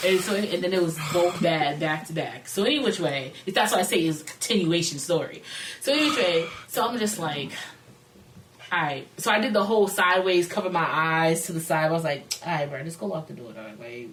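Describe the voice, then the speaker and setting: A young woman in her twenties tells a story in an animated, slangy way, often breaking into laughter. Her voice sits a little low. She sounds set back from the mic in a roomy space with a faint hiss. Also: a little fast, recorded from a distance. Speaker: podcast guest. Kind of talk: casual storytelling.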